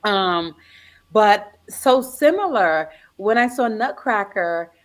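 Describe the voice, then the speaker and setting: An American woman hosts a podcast interview. She talks in a chatty, enthusiastic way and asks her questions with eager energy. Her voice sits at a typical middle pitch. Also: animated, takes it slowly. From United States. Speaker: podcast host.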